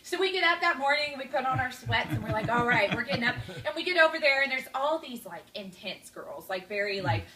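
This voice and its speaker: A woman's voice: sits high, fairly quick, few pauses, a crowd in the background. A young woman telling a funny story in casual chat, laughing and acting out what people said. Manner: animated, laughing, acts out quotes. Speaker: storyteller guest. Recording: echoey room with audience noise.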